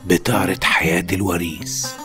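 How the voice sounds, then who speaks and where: A man giving calm scripted narration. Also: low voice, moderate pace, close to an everyday voice. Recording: narration over loud music.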